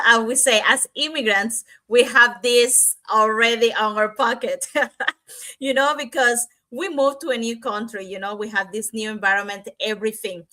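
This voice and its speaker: Bright, lively woman from Cuba. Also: a little high. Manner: animated, searching for words with restarts and "you know". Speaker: panelist, nurse. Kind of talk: panel discussion.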